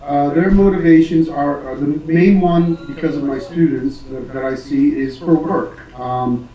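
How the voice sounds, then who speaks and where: An American man who teaches English, answering interview questions casually with many pauses, fillers and restarts. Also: fairly high pitch, mellow, roomy sound, far from the mic, low-quality recording. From United States.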